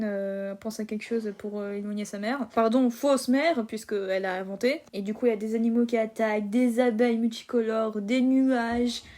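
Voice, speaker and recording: A woman with a slightly high voice recaps a story for her channel. She talks in a loose, slangy way and swears freely as she goes. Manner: chatty, slangy, swears and laughs while retelling. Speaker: YouTuber.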